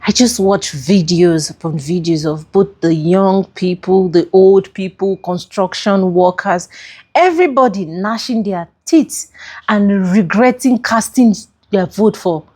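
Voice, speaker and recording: A woman's voice: medium pitch, darkish tone. A woman hosting a reaction video, commenting in a casual, exasperated way with rhetorical questions and filler words. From outside the US.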